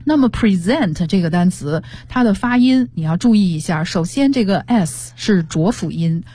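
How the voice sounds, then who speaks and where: A woman's voice: medium pitch, lively intonation, normal speed, mellow, husky, no room sound. A woman guest teacher on a radio show, explaining English words and pronunciation with example sentences. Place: radio studio. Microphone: studio microphone.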